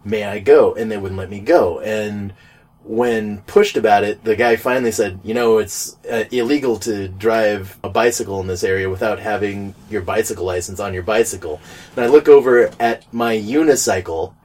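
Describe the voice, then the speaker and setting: In casual conversation, a man with a fairly low voice tells a story at normal speed. He is animated, laughs a lot as he goes, and acts out the quoted exchanges.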